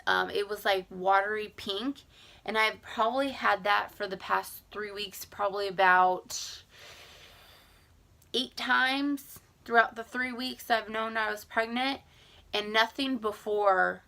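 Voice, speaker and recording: A woman's voice: mid-range voice, vocal fry, bright, forceful tone. A young woman chatting casually in a vlog, rambling with lots of "like". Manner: chatty, rambling, filler-heavy with many "like"s. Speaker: vlogger. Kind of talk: casual pregnancy update vlog.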